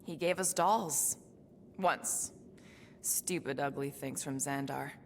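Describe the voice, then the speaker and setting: A weary, wistful female assassin from space in a cinematic video game speaks in a low voice with a gravelly fry. She's guarded and reflective, pausing as she goes, in a reflective, somber mood. Faint background noise lies behind her.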